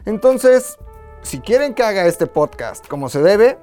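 A man's voice: high-pitched, very animated, measured pace, a little mellow, faint music behind. A man with a Mexican accent hosting a joking podcast, playful and slangy with theatrical turns. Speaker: podcast host.

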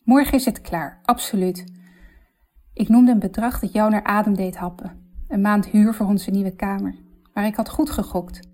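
Mellow woman reading literary fiction. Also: mid-range voice, steady tone. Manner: reflective, measured and intimate. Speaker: narrator. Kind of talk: literary audiobook narration.

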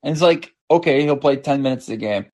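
A man's voice: mid-range voice, fairly quick, darkish tone. A man co-hosting a sports podcast, talking casually and repeating words as he thinks. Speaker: podcast co-host.

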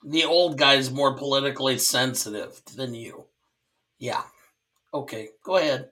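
A man's voice: mid-range voice, measured pace, pushed and bright. A man co-hosting a casual film podcast, telling dry anecdotes. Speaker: podcast co-host.

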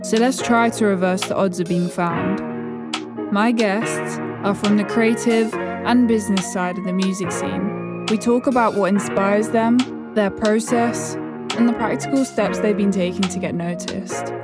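A woman's voice: medium pitch, steady tone, unhurried, loud music behind the voice. A woman hosting an interview podcast, speaking as the presenter in an informal, conversational register. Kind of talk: scripted introduction and casual interview.

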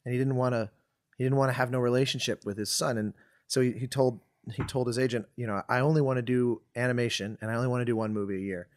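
A man's voice: medium pitch, fairly even intonation, no room sound, clean studio sound. Joking man hosting a casual chat. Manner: joking, quick banter. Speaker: host, fellow composer.

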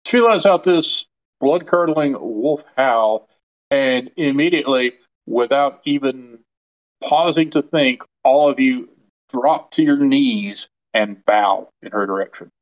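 A man's voice: mid-range voice, takes it slowly, highs cut off. A man narrating as game master, rambling with frequent ums and restarts.

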